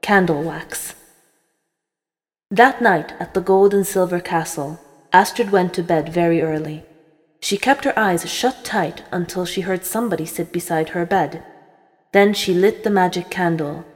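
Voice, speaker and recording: A woman reading a fairy tale aloud in measured, expressive storybook narration. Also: lowish voice. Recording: reverberant room, faint noise.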